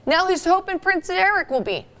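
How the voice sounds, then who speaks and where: A woman's voice: very high-pitched, big pitch swings, a little fast, pushed and bright. A woman co-hosting a morning news talk segment, chatting casually and reading out viewer comments. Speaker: morning show co-host. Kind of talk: casual live-stream chat.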